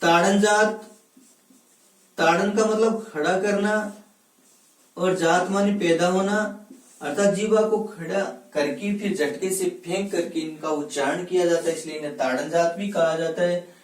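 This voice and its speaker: A high-voiced man teaching a grammar lesson, asking questions and answering them himself. His voice sounds a bit distant from the mic, in an echoey room. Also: steady tone. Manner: spells out letters slowly one by one. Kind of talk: classroom lecture.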